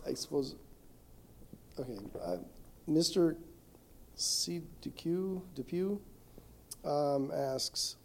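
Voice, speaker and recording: A man with a Midwestern accent, hosting and haltingly reading out listener questions. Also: on the high side, vocal fry, a little mellow. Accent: Midwestern American. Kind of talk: live Q&A discussion.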